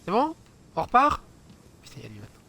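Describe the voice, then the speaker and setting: High, bright-voiced man doing gameplay commentary. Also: wildly swooping pitch, fast, creaky, a little hiss or hum. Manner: chatty, swears a lot, jumps into loud exclamations. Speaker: gaming channel host. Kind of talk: let's play commentary.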